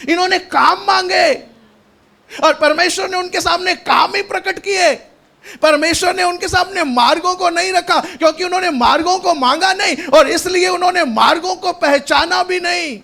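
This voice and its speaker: A man's voice: very high voice, moderate pace, vocal fry, sharp tone. A man preaching a sermon as pastor, emphatic, often raising his voice and repeating lines after a reader.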